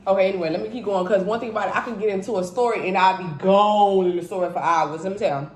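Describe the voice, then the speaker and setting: A tipsy woman in her twenties, a mukbang vlogger from Indiana who grew up in Miami and Georgia, chats casually while eating on camera. Her medium-pitched, slightly mellow voice comes very fast in an echoey room with a little hiss or hum. Chatty, she hums and chews between stories.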